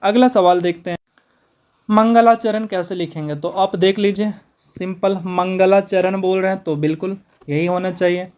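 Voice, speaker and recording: A man teaching a spoken exam-prep lesson, brisk and repetitive, calling his students brother. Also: high voice, fairly even intonation, darkish tone, clear, resonant tone, lo-fi sound.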